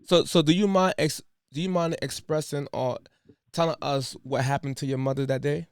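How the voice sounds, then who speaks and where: A man hosting a casual podcast interview, giving short reactions and gentle follow-up questions. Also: fairly high pitch, normal speed, clean tone, dry recording, studio quality. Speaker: podcast host.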